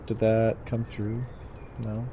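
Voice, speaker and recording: Slow, dry-spoken tabletop player. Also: medium pitch, monotone, dark tone, slight background noise. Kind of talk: casual tabletop play.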